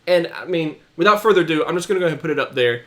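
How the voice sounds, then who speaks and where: Guy in his 30s hosting a livestream, kinda high voice, fannish and into it, casual chat. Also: very fast. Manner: enthusiastic, fannish. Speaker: live show co-host. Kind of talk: casual fan chat on a live stream.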